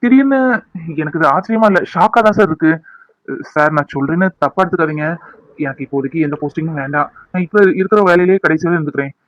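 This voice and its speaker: A man's voice: on the high side, fast, no room sound, natural voice. A man playing a flustered reluctant office worker. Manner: flustered, apologetic.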